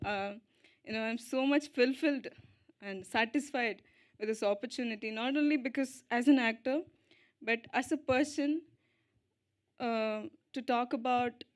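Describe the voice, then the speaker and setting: A young woman speaking at an event on stage into a mic, switching between Telugu and English, halting with fillers and little giggles, slow and heartfelt. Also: fairly high pitch. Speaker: lead actress giving a speech. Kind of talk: emotional stage speech at a film event.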